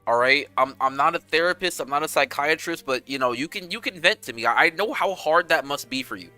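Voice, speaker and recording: A young man chatting casually with his viewers on a game stream, animated and rambling, swearing freely. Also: a little high, brisk, smooth, soft background music.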